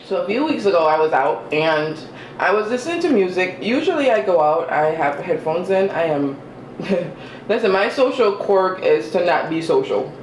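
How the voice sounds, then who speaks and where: With a very animated medium-pitched voice at a moderate pace, a vlogger eats and talks casually for the camera. Chewing noises and mm-hmms punctuate the chatty, self-mocking commentary, recorded in a roomy space with faint ambient sound.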